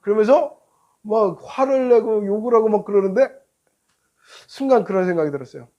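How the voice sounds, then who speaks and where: Pastor guy with a high voice, telling a story in his sermon, gets animated acting out both sides. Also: a little fast, dull audio.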